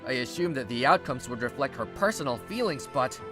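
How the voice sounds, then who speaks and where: Over music, a woman with a bass voice and lively intonation speaks briskly as a young male office recruit in a manga dub. Her character is stubbornly guarded and exasperated, and she narrates his first-person story and says his lines defensively, in a guarded, resigned mood.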